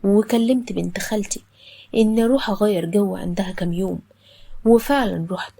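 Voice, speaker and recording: A woman's voice: medium pitch, a little fast, creaky, mellow. A woman with an Egyptian accent narrating a first-person story in a dramatic, emotional way. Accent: Egyptian Arabic.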